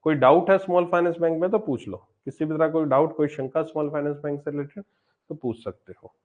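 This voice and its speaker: A man gives a live online banking lesson, keeping it loose and talky and answering questions from the chat. His voice sits a little higher than most men's, and the stream audio sounds dull and lo-fi. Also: fairly even intonation, a little fast. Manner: chatty, reads out and answers students' chat questions. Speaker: banking exam teacher. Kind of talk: live online class lecture.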